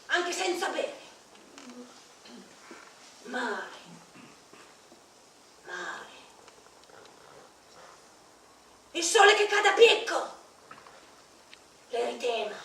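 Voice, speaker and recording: A woman's voice: high-pitched, exaggerated voice. An actress playing a playful, scheming female clown on stage, chatty and coaxing her listener. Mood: playful storytelling. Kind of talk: live tragicomic stage performance. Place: large old hall or castle venue. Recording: echoey, distant live stage recording with noise.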